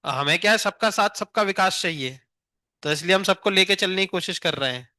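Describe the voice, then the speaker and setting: A man's voice: high voice, brisk, sharp tone, dry recording, clean studio sound. A male physics teacher in a classroom, firing questions at students and teasing them, with an Indian accent in his English.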